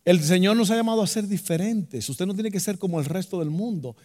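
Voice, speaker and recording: A man preaching a lively sermon as pastor, acting out voices and joking with the congregation. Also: high-pitched, fairly quick, in a large hall.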